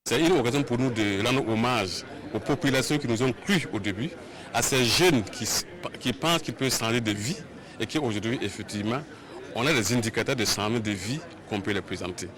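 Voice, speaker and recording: A man's voice: medium pitch, brisk, crowd noise. A man, an NGO official, giving an earnest interview statement outdoors. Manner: earnest, searching for words.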